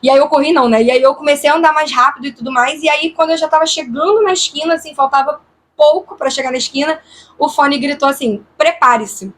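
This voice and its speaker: A woman's voice: high voice, fast talker. A woman vlogger from Brazil, casually and tensely retelling a frightening night to camera, voicing her own thoughts as she goes. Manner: animated, tense retelling with quoted inner thoughts.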